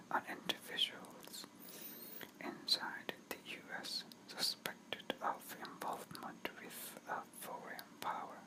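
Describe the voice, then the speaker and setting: Whispering reader, unvoiced and breathy, slow pace, ASMR news article reading. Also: poor audio.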